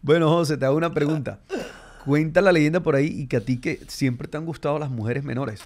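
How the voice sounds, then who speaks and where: A man hosts a casual interview, asking chatty, teasing questions. His voice is a touch high for a man. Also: brisk, a little mellow. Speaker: interview host.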